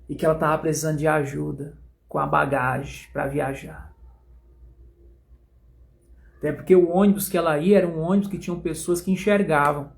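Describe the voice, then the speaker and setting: A man teaching a Bible study in a sermon style, telling stories dramatically with slow, emphatic phrasing. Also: fairly high pitch, creaky.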